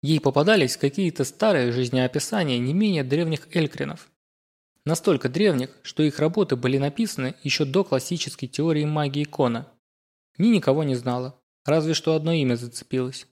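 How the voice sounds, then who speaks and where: A man reading a fantasy novel aloud as narrator in an even, measured way. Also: fairly high pitch. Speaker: audiobook narrator. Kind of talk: scripted narration.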